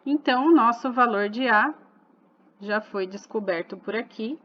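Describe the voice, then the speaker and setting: A woman's voice: a little high, normal speed, lo-fi sound. A woman explaining a math exercise step by step, patient and asking rhetorical questions as she goes. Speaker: math teacher.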